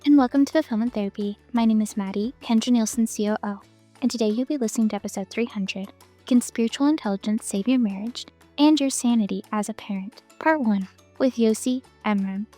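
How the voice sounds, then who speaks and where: A woman reading a scripted podcast introduction in a clear, even delivery. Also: a little high, brisk. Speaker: company COO reading the episode intro. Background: soft music.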